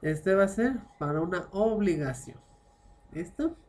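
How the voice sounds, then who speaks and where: Mujer, clase de idiomas en línea, tono pausado, mezcla frases en francés, verifica constantemente con preguntas cortas. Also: female voice, fairly low pitch, expressive, a little mellow. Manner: checks understanding with constant short tag questions; explains patiently, mixing French phrases into Spanish. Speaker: French teacher. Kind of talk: online language class.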